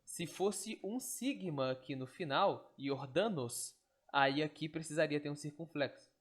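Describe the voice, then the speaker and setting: Speaking on the high side, a man leads an online Greek lesson. Quick tag questions check understanding as he explains everything step by step.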